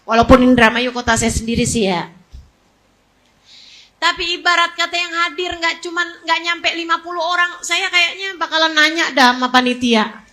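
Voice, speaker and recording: Animated woman preacher, high bright voice. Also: normal speed, rough recording. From West Java, Indonesia. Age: 40s. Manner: emphatic, repetitive, animated storytelling. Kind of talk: casual sermon.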